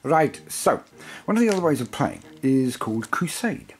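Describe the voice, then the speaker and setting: A man's voice: fairly high pitch, very animated, moderate pace. A tired man chatting casually as a hobby channel host, rambling and digressive as he reviews a game book. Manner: rambling and digressive, self-described waffler. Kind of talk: casual chat.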